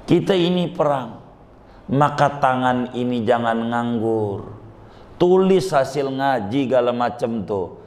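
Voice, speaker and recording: A man's voice: mid-range voice, animated, slow, darkish tone. A male preacher giving a conversational sermon, teasing the listeners with rhetorical questions. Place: mosque.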